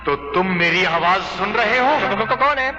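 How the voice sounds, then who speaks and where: A man's voice: high-pitched, expressive, moderate pace. An actor playing a male character in a Hindi comedy film, in dramatic dialogue. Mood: startled, urgent. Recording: muffled film clip under loud music.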